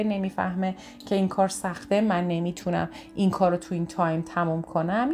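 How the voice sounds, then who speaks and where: A woman giving a spoken lesson in a lively way, acting out example conversations between explanations. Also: fairly low pitch. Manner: lively, acts out example dialogues. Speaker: teacher.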